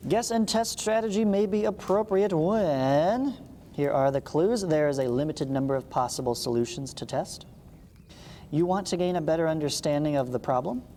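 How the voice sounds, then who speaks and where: Reading from a math textbook, a man pauses for relaxed explanatory asides, his fairly high, dark voice lively in intonation and moderate in pace. Hiss and reverberation from the room are audible throughout.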